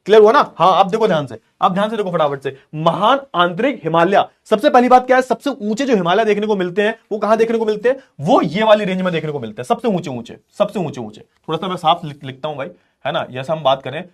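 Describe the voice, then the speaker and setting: A man's voice: high voice, lively intonation, quick pace. A male teacher giving an exam-prep lecture who repeats key terms, asks rhetorical questions and explains while drawing on a board.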